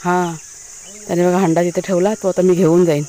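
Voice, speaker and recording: A woman's voice: lowish voice, little pitch movement, fairly quick, mellow, slight background noise. A woman host with a Konkan Marathi accent, chatting casually in a village vlog, talking to her pets and her viewers outdoors.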